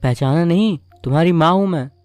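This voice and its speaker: A man voicing a middle-aged mother who is gentle and coaxing with her grown daughter. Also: a little high, a little fast, clean tone, dry recording, studio quality, lightly acted.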